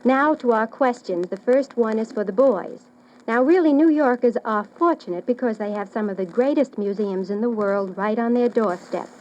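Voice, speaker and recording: A woman's voice: on the high side, normal speed, a little mellow. A woman hosting a children's radio quiz, addressing her audience formally and with careful phrasing. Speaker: quizmaster and host. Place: radio studio. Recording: noisy old radio broadcast recording.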